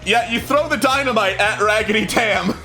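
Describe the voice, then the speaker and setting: A man's voice: high voice, normal speed, sharp tone. A man narrating a tabletop game as game master. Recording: background music under the voice.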